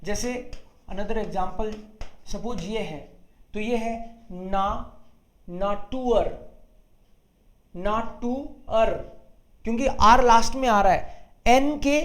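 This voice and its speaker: A teacher speaks slowly and patiently, spelling out sounds and saying each one again. The voice sits at a middle pitch. The room around it is noticeably echoey. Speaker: German teacher. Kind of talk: online beginner language class.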